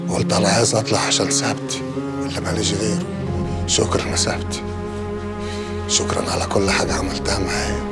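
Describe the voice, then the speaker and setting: An actor playing an excitable, jealous Egyptian man who teases and flares up quickly, in a TV comedy-drama, with a music score behind. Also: high-pitched. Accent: Egyptian Arabic. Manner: teasing, mocking, quick to flare up. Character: excitable, jealous man just cleared of a charge. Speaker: freed defendant.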